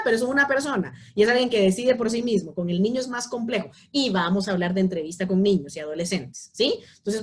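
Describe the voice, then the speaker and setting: A woman teaching a psychology class, answering student questions in an emphatic, lively way and reading them aloud. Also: on the high side. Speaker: psychology lecturer. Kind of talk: online class Q&A.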